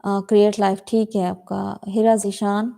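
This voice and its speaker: A woman teaching spoken English in an online class. She says model sentences slowly and clearly for students to repeat, and calls out student names to check their answers. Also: mid-range voice, little pitch movement, mellow. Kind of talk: online class, bilingual drill.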